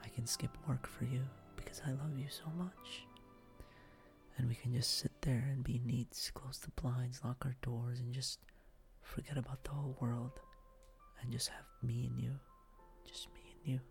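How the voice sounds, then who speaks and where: A man whispering softly in an intimate, affectionate boyfriend roleplay for ASMR. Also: medium pitch, flat delivery, moderate pace, vocal fry, soft background music.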